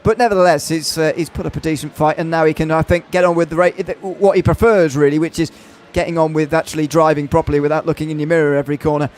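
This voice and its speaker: A man's voice: on the high side, steady tone, fast, few pauses, darkish tone. A man commentating on a motor race, hesitant with many fillers and restarts.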